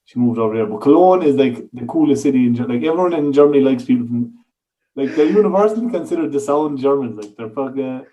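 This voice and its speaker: An Irish man talks casually as a guest. His voice is mid-pitched and very mellow. He speaks colloquially, with swearing mixed in. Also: expressive, fast talker, lo-fi sound. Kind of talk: casual chat.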